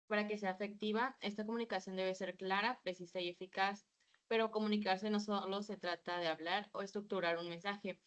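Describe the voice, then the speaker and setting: A woman's voice: medium pitch, fairly even intonation, brisk, highs cut off. A woman giving a class presentation, reading from slides with a few hesitant fillers. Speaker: student presenter.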